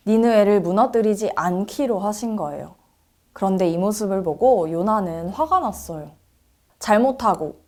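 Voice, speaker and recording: A woman preacher telling a Bible story to children in a church service, asking them questions and acting out the characters' lines. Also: medium pitch. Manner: asks the children questions, acts out quoted lines.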